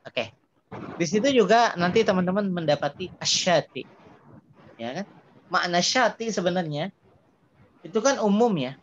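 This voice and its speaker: Guy teaching arabic online, kinda high voice, laid back and chatty, muffled audio w/ a bit of hiss. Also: moderate pace, pauses often. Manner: relaxed, chatty, full of fillers like gitu ya. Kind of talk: explaining a dialogue lesson. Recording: muffled lo-fi sound with faint background hiss.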